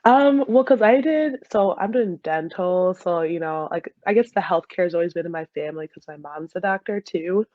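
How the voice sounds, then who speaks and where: On slightly muffled audio without room sound, a dental student and soccer player in her twenties talks casually as an interview guest. Her voice is on the low side, at normal speed with few pauses, and her manner is informal and easygoing.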